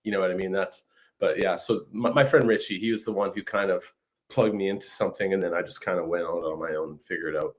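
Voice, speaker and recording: A man in his fifties from northern Saskatchewan, Canada, chats casually as a guest musician in an interview over a video call from a room at home. His voice sits low and he talks fast with fairly even intonation, often adding "you know what I mean," picked up by the video call mic.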